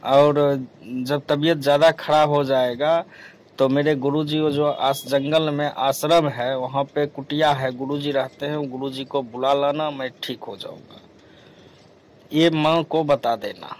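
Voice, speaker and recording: A man storytelling as an old forest hermit who calmly instructs a young man. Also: mid-range voice, unhurried, a little hiss or hum, natural voice. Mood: instructive. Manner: calm, instructive. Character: old wise male hermit guru.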